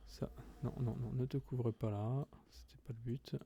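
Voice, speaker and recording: A man with a gravelly, rough-edged voice chats through his gameplay, cursing at enemies and congratulating himself between missions. His voice sits in a middle range, and steady noise runs under it. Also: mid-range voice, normal speed, highs cut off. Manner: swearing, self-congratulating, thinking aloud. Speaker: gaming YouTuber. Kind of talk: casual let's-play commentary.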